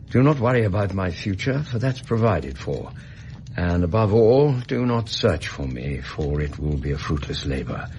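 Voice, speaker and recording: A British man playing a genial, gentlemanly doctor and storyteller in a radio drama, husky and wryly measured. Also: sits low, slight background noise. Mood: grave reading. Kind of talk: radio drama narration and acting.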